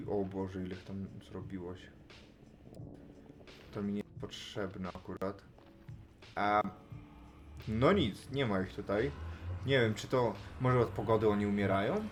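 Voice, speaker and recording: A man commentating his own Minecraft play in casual, chatty talk, chatting to the animals and now and then shouting with excitement. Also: lowish voice, measured pace, long pauses, music in the background. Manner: chatty, talks to animals in game, bursts of excited yelling. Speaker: gaming YouTuber.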